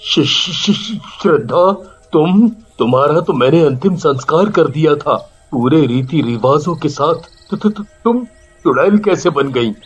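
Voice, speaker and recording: A woman's voice: sits low, lively intonation, unhurried, husky, dull audio, soft background music, voice pushed down, exaggerated voice. A woman doing a stammering frightened young man. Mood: shocked.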